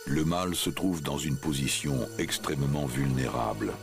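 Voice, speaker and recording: A man's voice: rumbling low, moderate pace, vocal fry, over music. A man reading scripted narration for a nature documentary.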